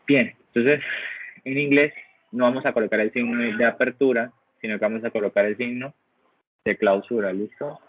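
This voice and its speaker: This online English grammar teacher has a mid-range voice with fairly even intonation and speaks at a normal pace. Patient throughout, he explains step by step and checks in with the class often, frequently asking "¿listo?". The video-call sound is dry and phone-like.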